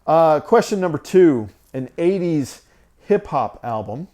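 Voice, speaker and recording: A man in his forties chats about his record collection in a slow, unhurried way. He hesitates often, circling back with ums and restarts. His voice is wearing thin, as if he is losing it. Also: a little high, animated, dark tone. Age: 40s. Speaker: vinyl collector vlogger. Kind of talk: casual talk to camera.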